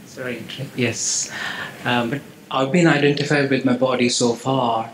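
A man's voice: mid-range voice, fairly even intonation, measured pace. Hesitant apologetic guy asking questions, a bit off mic, roomy with faint noise. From Tamil-speaking region of India.

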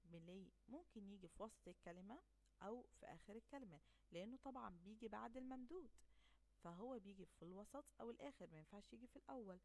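A woman's voice: mid-range voice, expressive, darkish tone. Woman teacher with an Egyptian accent, mid-range voice, patient question-and-answer delivery for young pupils. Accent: Egyptian Arabic. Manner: stretches out example words slowly and clearly; asks questions and answers them herself. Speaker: primary school teacher. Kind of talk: recorded classroom lesson.

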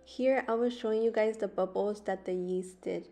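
A woman's voice: mid-range voice, fairly even intonation, moderate pace. A young woman vlogger narrating a recipe voice-over, explaining each step plainly. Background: guitar music.

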